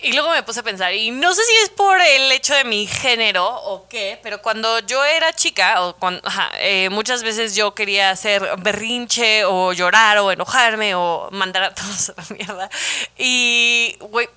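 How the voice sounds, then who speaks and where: A woman's voice: mid-range voice, moderate pace, bright, forceful tone, clean tone. A young adult woman with a Mexican accent, talking through her feelings in a casual, candid monologue, full of slang and the odd mild swear word.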